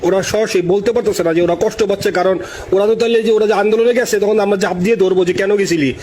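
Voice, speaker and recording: Fast, high-pitched deferential Bangladeshi man over the phone. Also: fairly even intonation, a little mellow. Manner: deferential, effusive, constantly says a respectful address term. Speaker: party supporter calling a leader. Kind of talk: informal phone conversation. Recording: phone call with faint noise.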